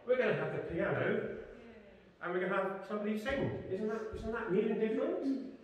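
A man leading a church service, speaking in a lively, light-hearted way with some hesitant restarts. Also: high-pitched, fairly quick. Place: church hall. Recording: echoey church hall from far off.

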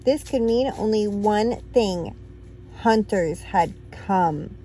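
A woman reading a picture book aloud at bedtime, expressive and playful, chatting with a child between pages. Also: mid-range voice, slight background noise. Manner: slow, expressive, playful counting.

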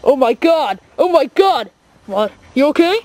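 Shrieking excitable woman commentating stunts. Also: high voice, measured pace, noisy background. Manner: mock-announcer, frequent shrieks. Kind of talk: excitable home-video commentary.

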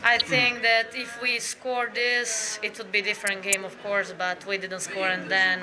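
A young woman footballer from Serbia with a Serbian accent, answering post-match questions in halting non-native English with small laughs. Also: mid-range voice, level tone, crowd noise, poor audio. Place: indoors by a brick wall after a match. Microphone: handheld mic on a stand near the chin.

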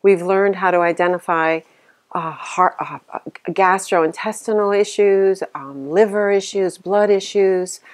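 A woman in her sixties giving a calm, reflective testimonial about a course, in a large meeting room. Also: medium pitch, unhurried. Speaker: course participant.

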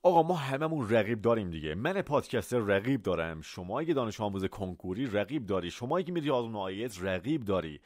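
A man from Iran runs a vocabulary lesson, saying each word again and again and building simple examples around it. His pitch swings widely as he explains. The sound is dry and close. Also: hardly any pauses, no echo. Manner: animated, repeats words for pronunciation and switches between Persian and English. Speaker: English teacher.

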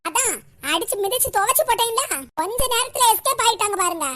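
A woman with a Kanyakumari Tamil accent voicing a scolding, indignant character in an animated comedy. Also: extremely high pitch, fast.

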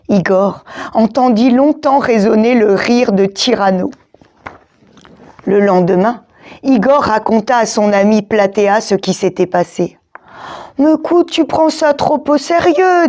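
A woman reading a children's picture book aloud, in a slow, expressive storytelling manner. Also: mid-range voice. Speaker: storybook reader.

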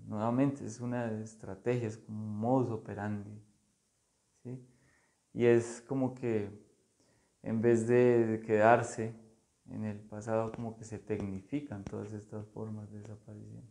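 Artist guy, low gravelly voice, real slow and flat, lots of ums, chatting in his studio. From Colombia. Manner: slow, thoughtful, halting with many fillers. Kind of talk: casual conversation about art.

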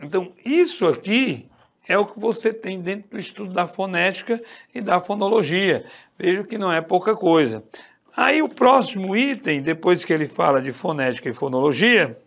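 A man's voice: high-pitched, animated, normal speed, creaky, a bit bright. A man teaching an online exam-prep Portuguese class, emphatic and repetitive, often checking in with his students. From Brazil. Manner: emphatic, repeats key points, asks "tá certo?".

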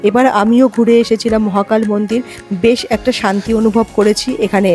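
A woman's voice: a little high, steady tone, brisk, darkish tone. A woman travel vlogger from India chatting with viewers and guiding them around, with music playing behind her. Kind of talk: travel vlog, voice-over and on-the-spot talk. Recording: background music under the voice.

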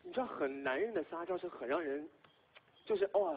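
A lively, high-pitched young man talks on a concert stage, his voice rising and falling as he jokes and laughs. The sound is thin and phone-like, with a faint hiss underneath. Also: fairly quick. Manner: animated, laughing, teasing. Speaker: singer guest on stage. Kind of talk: playful stage chat.

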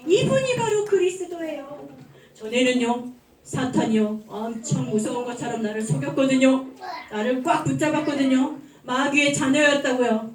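A young woman gives a children's sermon in a church hall, storytelling with animated acted voices. Her voice sits high. The sound is roomy and echoey, and she is heard from some way off the mic. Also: distant mic. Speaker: children's pastor.

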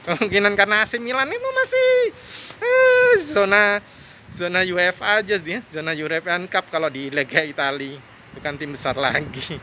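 A man's voice: sits high, animated, moderate pace, pushed and bright. Man in his 30s, casual walking vlog, phone at arm's length, noisy street with passing cars. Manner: chatty, musing aloud with many fillers. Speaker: vlogger. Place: outdoors by a stadium. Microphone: phone held at arm's length. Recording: noisy outdoor phone recording. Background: street ambience and passing cars.

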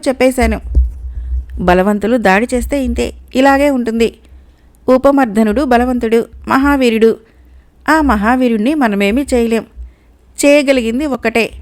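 A woman voicing a cunning male crow minister who speaks in a calm, pleading way, in a read-aloud fable. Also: a little high, natural voice. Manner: pleading, storytelling tone.

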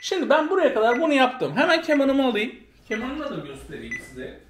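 A woman's voice: high-pitched, sing-song, fairly quick. A woman teaching a violin lesson, counting beats aloud and calling out note names. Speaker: music teacher. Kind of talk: instrument lesson. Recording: echoey room, faint noise.

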